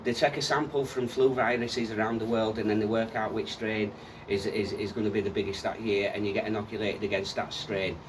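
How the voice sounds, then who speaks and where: A man's voice: on the low side, flat delivery, a little fast, hardly any pauses, recorded from a distance, background noise. A man chatting casually with a colleague, rambling and repeating himself as he rants. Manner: rambling, repeats words, ranting. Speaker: co-host. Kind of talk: casual chat.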